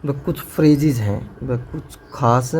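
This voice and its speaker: A man's voice: medium pitch, a little slow, a little mellow. Man teaching a grammar class. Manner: drills students with repeated questions. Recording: faint background noise.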